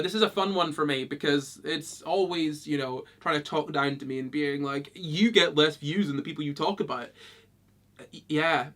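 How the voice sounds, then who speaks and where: Reading his hate comments aloud, this young British YouTuber with a Scottish accent responds casually, with dry amusement and frequent laughter. His voice is a little high with a sharp edge.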